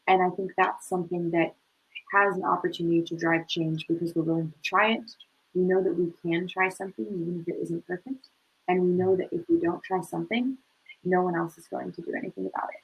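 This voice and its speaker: A young woman speaking as a panelist, answering earnestly in short phrases with pauses. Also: on the low side, husky, lo-fi sound. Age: young adult.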